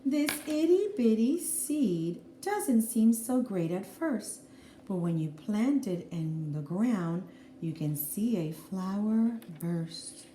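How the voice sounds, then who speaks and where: A female teacher with a mid-range voice reads a children's picture book aloud, expressive and deliberate, pausing for explanations aimed at young listeners. The recording has a roomy echo and faint background noise.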